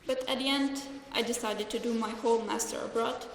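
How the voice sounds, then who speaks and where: A young woman from Slovenia gives a formal graduation speech in English from a lectern. She reads carefully and earnestly, stumbling slightly now and then, her somewhat high voice echoing through a large hall with faint room ambience. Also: fairly even intonation, brisk, slight background noise. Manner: careful, earnest, read from notes with small restarts.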